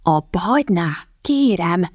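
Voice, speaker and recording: A woman reading the lines of a sharp-witted, impatient young woman in an audiobook, speaking in a pointed, indignant way. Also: lowish voice, animated, no echo, clean studio sound. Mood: exasperated.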